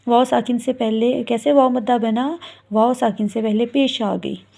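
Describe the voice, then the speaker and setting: A woman's voice: a little high, steady tone, normal speed, vocal fry, mellow. A woman teaching a recitation lesson to viewers, patiently drawing out each example sound and explaining step by step. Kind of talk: instructional video lesson.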